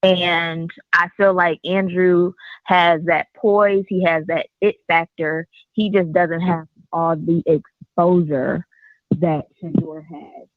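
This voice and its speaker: A woman's voice: fairly low pitch, level tone, slow pace, dry recording. Woman caller, muffled as if through a wall, dull phone line, dry sound. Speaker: caller on a livestream. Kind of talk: casual chat. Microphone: phone held away from the mouth.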